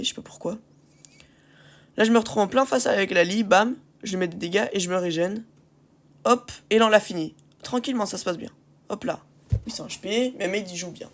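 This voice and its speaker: A woman gamer talks over a match in a casual, conversational style. She sounds exasperated, ranting at her teammates. She hammers points home with repeated phrases and rhetorical questions, at an ordinary female pitch. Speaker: gaming video creator commentating on match replays. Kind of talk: casual gameplay commentary.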